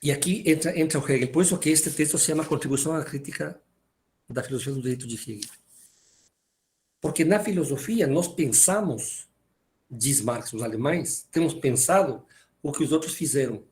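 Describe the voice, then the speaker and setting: A man's voice: a little high, moderate pace, darkish tone, slight background noise. A man giving a philosophy lecture, reading passages aloud and explaining them, often repeating words as he hesitates. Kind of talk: university lecture.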